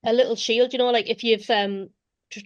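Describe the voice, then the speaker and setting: A woman playing a panel guessing game, explaining in a measured way with small giggles. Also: on the high side, steady tone, dry recording, dull audio. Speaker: panel player. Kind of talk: casual panel game chat.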